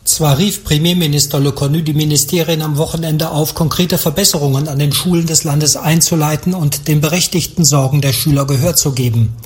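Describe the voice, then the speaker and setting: Male correspondent, higher voice, standard report read. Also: steady tone, fairly quick, few pauses. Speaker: foreign correspondent. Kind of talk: news report.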